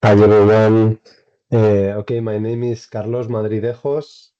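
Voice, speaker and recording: A man from Spain introducing himself as a platform ambassador on a video call, in a measured, matter-of-fact way. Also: on the low side, little pitch movement, warm tone. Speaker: webinar guest, platform ambassador. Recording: muffled video call audio.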